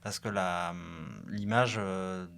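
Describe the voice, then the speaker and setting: A man speaking as a guest on a radio show in a small studio, measured in tone with some fillers. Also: deep voice, fairly even intonation, a bit bright, clear, resonant tone. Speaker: guest, choir association member. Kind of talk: casual radio interview.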